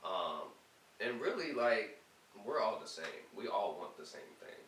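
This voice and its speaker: A man's voice: lowish voice, sing-song, measured pace, fairly bright tone. A man sharing thoughts as a guest in a casual chat, reflective and laid-back, often agreeing. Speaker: guest friend. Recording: roomy, distant, faint hiss.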